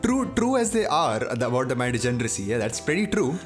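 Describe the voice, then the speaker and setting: A man's voice: medium pitch, sing-song, fairly quick, faint music behind. A man hosting a casual podcast, teasing his co-host and laughing often.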